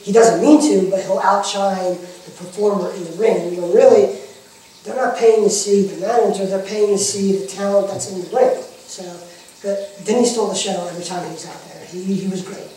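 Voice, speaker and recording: A male wrestling manager talks at length in a relaxed interview, often repeating a phrase for emphasis. The sound is heavily echoing, with the voice some way from the microphone. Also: sits high, moderate pace. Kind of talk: casual interview chat. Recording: echoey room, far from the mic.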